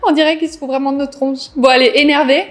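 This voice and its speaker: A woman's voice: high-pitched, steady tone, fast talker. A woman hosting a casual business vlog, chatty and enthusiastic, piling on superlatives as she talks to her viewers. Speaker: business content creator host. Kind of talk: casual vlog talk to camera.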